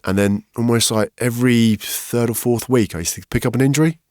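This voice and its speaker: A man, a podcast guest, telling his story candidly and frankly, getting animated when he quotes other people. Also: medium pitch, a little fast, no echo, studio quality. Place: podcast studio.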